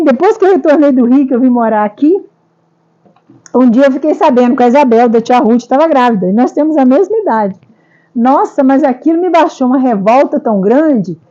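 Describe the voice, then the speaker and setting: Brazilian woman, high mellow voice, emotional testimony full of repetitions and tag questions, muffled lo-fi sound. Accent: Brazilian Portuguese. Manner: rambling, repeats herself, frequent tag questions. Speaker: speaker sharing a personal testimony. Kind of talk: emotional first-person testimony.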